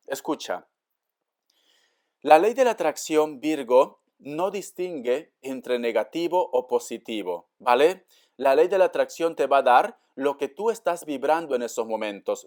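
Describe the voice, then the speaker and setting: A man giving a tarot reading to camera in a warm, coaxing way, often calling the listener dear and acting out their doubts. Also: mid-range voice. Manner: acts out the listener's doubts in quotes. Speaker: tarot reader.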